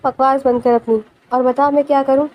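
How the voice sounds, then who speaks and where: A woman's voice: sits high, flat delivery, dull audio, slight background noise, lightly acted. A woman voicing a frustrated young man who refuses his family's inheritance, speaking in a protesting way in a storybook reading. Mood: frustrated defiant. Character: young man, heir, fed up and defiant.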